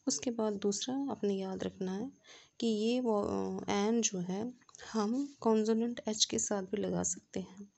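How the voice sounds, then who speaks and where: A woman teaching an English grammar class, explaining the rules step by step and checking understanding with questions, reading each English example out slowly. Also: mid-range voice, creaky, warm tone.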